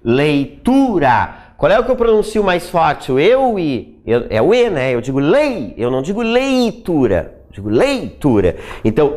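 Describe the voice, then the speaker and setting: A grammar teacher leads a recorded exam-prep lesson, the voice sitting at a mid pitch but swinging widely up and down. Nearly every point closes with a quick checking "tá?" or "né?". Key rules are said over and over, and example words are drawn out slowly to show how they sound. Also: darkish tone. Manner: repeats key points for emphasis.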